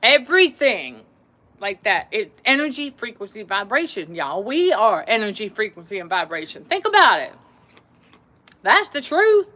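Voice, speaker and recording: This livestream host speaks to her audience in a casual, animated way, often laughing and saying things more than once. She has a medium pitch with big swings, a normal pace, and a bright, forceful tone that projects well.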